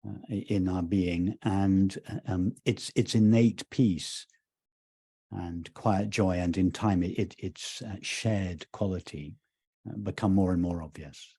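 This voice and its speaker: Man, spiritual teacher, low mellow husky voice, calm and repetitive, dry close sound. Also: dry recording. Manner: slow, repeats words, gentle emphasis. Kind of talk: calm roundtable discussion.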